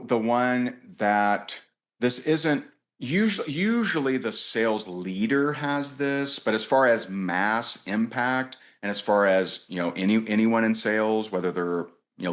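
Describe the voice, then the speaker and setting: A man with a fairly low voice speaks as a podcast guest. He tells a story about a sales call in a loose, lively way, restarting sentences and putting on the voices of the people he quotes. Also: a little slow. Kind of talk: casual storytelling interview.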